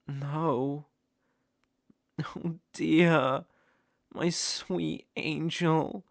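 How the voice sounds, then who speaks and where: Here the same kind of British-accented roleplayer voices a tender, obsessive yandere stalker in intimate ASMR acting, his fairly high pitch slow, coaxing and creaky, frequently sinking toward a whisper. The recording is close, dry and echo-free, and the mood comes across as tender and worried.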